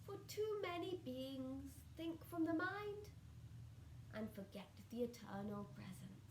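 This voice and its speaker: A woman channelling a benevolent, solemn spirit collective like a seance medium, speaking in deliberate, drawn-out phrases with hushed endings and loving guidance. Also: high voice, lively intonation. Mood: serene, solemn. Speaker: trance channeller answering audience questions. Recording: roomy echo with faint background noise.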